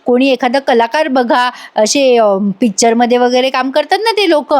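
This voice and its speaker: Woman reading scheming aunt, coaxing tone, high pitch. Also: moderate pace, lightly acted. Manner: coaxing, wheedling. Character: scheming middle-aged aunt.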